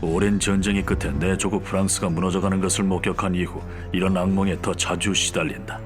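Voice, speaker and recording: Over music, a man with a low, natural voice and flat delivery narrates a video game campaign cutscene. He plays a weary, grave French soldier reading from his war diary, telling it in a grave, measured way.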